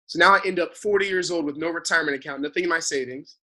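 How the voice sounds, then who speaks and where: A man's voice: fairly high pitch, racing. A man working as a financial advisor, explaining money matters in a casual conversation and often checking in with "right?". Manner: animated, talks in long explanatory runs with frequent "right?" tag questions.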